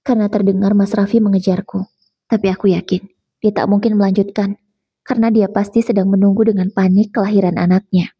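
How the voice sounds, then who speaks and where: Woman narrating a sad story, husky and mellow. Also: mid-range voice, highs cut off. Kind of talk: first-person story narration.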